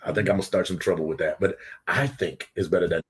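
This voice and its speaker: Excitable man hosting a studio show. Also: low-pitched, fast talker, a crowd in the background. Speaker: host. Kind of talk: casual live show hosting. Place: small studio with guests.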